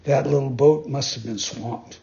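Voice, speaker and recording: A man voicing a polite, calm male dolphin in a courteous, matter-of-fact way. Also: mid-range voice, a little slow, vocal fry. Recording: dull lo-fi sound.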